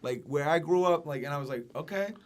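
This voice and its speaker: A man's voice: fairly high pitch, quick pace. A comedian chatting casually, joking and acting out other people's voices as he tells stories. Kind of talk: casual chat.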